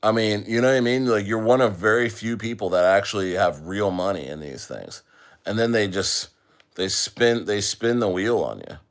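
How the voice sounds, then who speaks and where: A man's voice: on the low side, animated, normal speed. A man hosting a casual livestream, rambling with many fillers and talking straight to his viewers. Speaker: livestream host.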